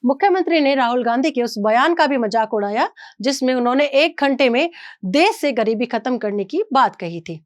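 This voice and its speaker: Female news presenter, scripted narration, slightly high pitch, measured delivery. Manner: measured, even reading.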